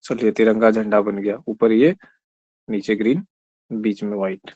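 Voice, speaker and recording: A man's voice: fairly low pitch, fairly even intonation, moderate pace, darkish tone, no room sound. A man teaching an online exam-prep class. He explains step by step, quizzes his students, and mixes English terms into his speech. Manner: explains step by step, quizzes students, often says "theek hai". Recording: slightly dull lo-fi recording.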